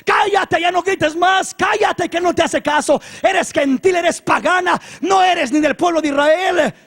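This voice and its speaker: A man preaching a sermon, voicing irritated male disciples who shout at a woman to be quiet. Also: sits high, expressive, moderate pace, creaky, heavily acted. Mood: scolding. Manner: scolding, shouting.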